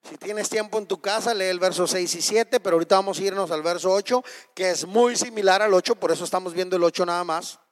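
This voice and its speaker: A man's voice: sits high, fast talker, long reverb tail. A man preaching a sermon with impassioned, emphatic repetition and rhetorical questions.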